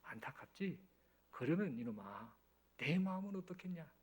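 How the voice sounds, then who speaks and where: Brief: male preacher doing God as a deep, scolding father, slow and heavy. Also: sing-song, darkish tone, husky. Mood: stern reproach. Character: stern fatherly God, reproachful yet caring, older man.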